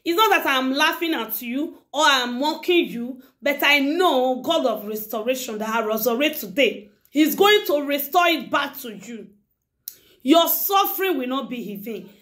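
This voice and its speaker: A woman's voice: high-pitched, animated, normal speed, fairly bright tone. A middle-aged woman YouTuber speaking to her viewers in a casual monologue. She is emphatic and preachy and keeps repeating phrases.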